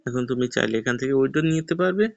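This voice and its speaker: Man, YouTuber, relaxed step-by-step instructions, muffled lo-fi sound. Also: medium pitch, racing, vocal fry. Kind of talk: screen-recorded tutorial walkthrough. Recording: dull lo-fi voice recording.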